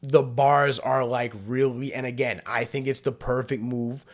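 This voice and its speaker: A man's voice: mid-range voice, level tone, measured pace. Laid-back young guy talking slang. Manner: laid-back, filler-heavy, loose slang. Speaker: podcast host. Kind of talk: casual chat.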